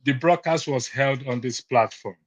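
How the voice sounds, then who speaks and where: In a heated call-in debate on a live broadcast, a Nigerian caller speaks at a moderate pace in a mid-range voice, firmly insisting his point be on record. The audio sounds dull.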